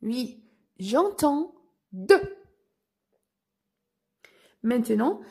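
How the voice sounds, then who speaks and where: Slow, husky woman teaching phonics. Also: fairly high pitch, big pitch swings, a little mellow. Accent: North African French. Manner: slow, clearly spelling out syllables. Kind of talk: slow phonics lesson for children.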